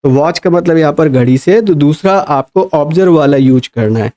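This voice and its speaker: A man's voice: fairly high pitch, dark tone. Patient male teacher. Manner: explains patiently, asks "है ना?" often, reads English quoted sentences slowly. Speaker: English teacher. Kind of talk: exam-prep lecture.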